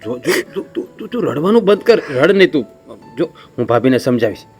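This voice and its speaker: A man's voice: on the high side, sing-song, a little fast, darkish tone, slightly rough, faint music behind. An actor playing a caring young husband, coaxing his wife to tell him what is wrong. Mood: reassuring. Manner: coaxing, keeps asking "eh?". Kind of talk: family drama acting.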